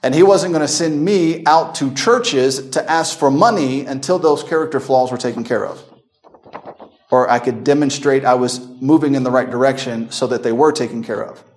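A man who is a missionary teaching a Bible class in a conversational way, acting out quoted people with changes in his voice. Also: normal speed. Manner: conversational, acts out quoted people with shifts of pitch, laughs often. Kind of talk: recorded Bible class lecture.

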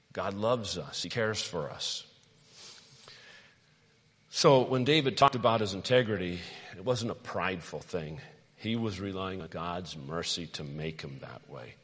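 A middle-aged male pastor preaching a sermon, animated, telling stories and asking the congregation questions. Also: fairly low pitch, slightly rough. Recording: long hall reverb.

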